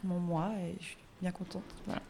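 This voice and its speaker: A woman's voice: on the low side, level tone, a little fast, creaky, mellow, slight background noise. A woman guest on a live podcast panel, talking in a laid-back, slangy way. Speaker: guest comic author. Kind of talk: casual panel chat. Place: live stage before an audience.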